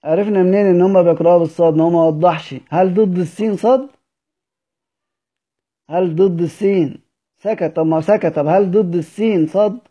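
Egyptian male teacher, high voice, repeats himself and quizzes the class, dull lo-fi recording. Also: brisk, slightly rough. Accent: Egyptian Arabic. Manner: repeats phrases, asks students questions. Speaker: Quran recitation teacher. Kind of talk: lecture explaining recitation verse.

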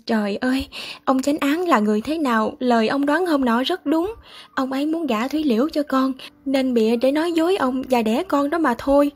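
A woman's voice: high-pitched, a little fast, darkish tone, soft background music, lightly acted. A woman voicing a pleading tearful young man. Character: anxious young male student, pleading and tearful.

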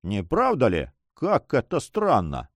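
A man's voice: medium pitch, wildly swooping pitch, unhurried, no echo. A man voicing a cool, mocking male pirate captain who speaks with dry sarcasm, in an audiobook reading. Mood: coldly sarcastic. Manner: ironic, coolly sarcastic.

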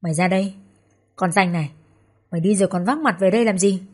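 A woman voicing a jealous, furious young woman who has been jilted, shouting insults. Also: fast, slightly rough, natural voice. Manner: shrill, screaming, insulting.

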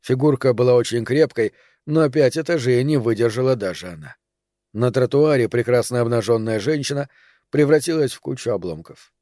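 A man reads a novel aloud in a steady, measured way, his pitch sitting in an ordinary middle register. The recording is dry and close, with no room echo. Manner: even, measured storytelling. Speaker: audiobook reader. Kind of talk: scripted narration.

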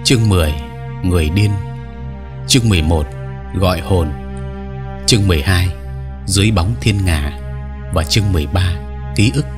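A man narrating a horror story as an audiobook reader, telling it in the first person with steady, measured delivery. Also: low voice, over music.

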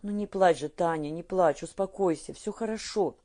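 A woman voicing an earnest young male underground fighter in an audiobook, reassuring and gentle. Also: on the low side, lively intonation, moderate pace. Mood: comforting. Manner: warm, reassuring.

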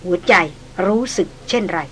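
A woman narrating a novel in an even, measured reading voice. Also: slight background noise, poor audio. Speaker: audiobook narrator.

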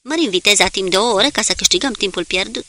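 A woman reading the lines of a calm, stern male submarine commander, giving clipped, firm orders. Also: mid-range voice, no echo, close to an everyday voice.

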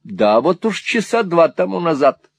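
A man's voice: fairly high pitch, very animated, measured pace, no echo, pitched above the performer's own voice, full character voice. A man reading an audiobook, voicing a rambling, scatterbrained middle-aged mother who drifts from topic to topic. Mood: chattering. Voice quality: rambling, breathless digressions.

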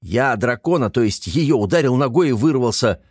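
A man's voice: medium pitch, lively intonation, moderate pace, a little mellow, dry recording, clean studio sound, pitched above the performer's own voice, natural voice. A man voicing a small, cheeky male shortling creature who grumbles and bleats when frightened. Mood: aggrieved. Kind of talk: audiobook character voice.

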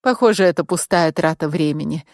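A woman's voice: medium pitch, lively intonation, normal speed, darkish tone, no room sound, studio quality, lightly acted. A woman voicing a practical, skeptical female friend who makes plain, doubtful remarks in an audiobook.

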